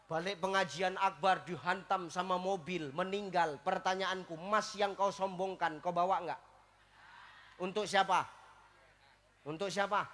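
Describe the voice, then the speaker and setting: A man delivers a comic sermon in a high, ringing voice. He jokes with the congregation and acts out little scenes along the way. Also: steady tone, measured pace, fairly bright tone, slight background noise. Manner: joking, switches between Javanese and Indonesian, acts out scenes. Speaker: preacher.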